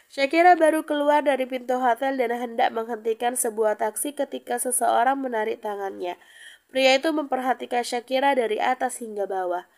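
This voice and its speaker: A woman narrating a story aloud in a calm, even reading voice with small slips. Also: a little high, brisk.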